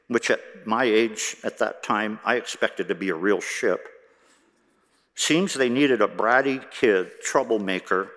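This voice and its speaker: A low-voiced man in his sixties speaks as a worship associate, telling a reflection at a church service in a gentle, unhurried way with touches of wry humor. His voice rings out with a long reverb off the walls of a church sanctuary.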